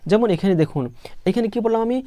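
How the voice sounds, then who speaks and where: A man's voice: very high-pitched, expressive, quick pace, mellow, dry recording. A man teaching a step-by-step Quran reading lesson, patiently repeating letter sounds and asking himself questions.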